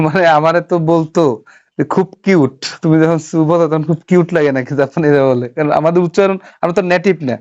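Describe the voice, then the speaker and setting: A man's voice: a little high, a little mellow. Man teaching Japanese letters, lo-fi sound. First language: Bengali. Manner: patient, repeats each stroke step by step. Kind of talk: classroom lesson. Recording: dull lo-fi sound.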